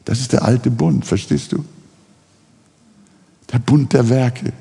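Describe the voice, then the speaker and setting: Langsam erzählender Prediger mit knarziger Stimme. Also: male voice, medium pitch, steady tone, creaky, warm tone, breathy edge, big-room sound. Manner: slow, dramatic storytelling preaching. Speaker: pastor. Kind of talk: sermon.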